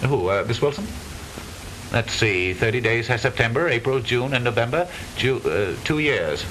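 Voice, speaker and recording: An actor playing a blustering, easily flustered middle-aged father in stagey 1920s comedy film style, halting and repeating himself. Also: medium pitch, animated, fairly bright tone, natural voice, poor audio. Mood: sheepish, flustered. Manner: stagey old movie actor delivery, blustering, halting repetitions. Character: blustering, lonesome widowed father, flustered businessman. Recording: hissy 1920s film soundtrack.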